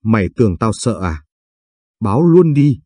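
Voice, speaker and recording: A man's voice: on the low side, lively intonation, moderate pace, dark tone, breathy edge, no echo, studio quality. A man doing a coarse, bullying young husband. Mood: threatening. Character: brash, menacing young husband from the countryside.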